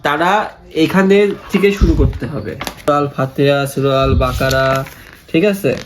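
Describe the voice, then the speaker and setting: A man's voice: fairly high pitch, unhurried, slight background noise. A man in casual conversation, patiently explaining something and often checking in with "okay?". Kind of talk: casual chat.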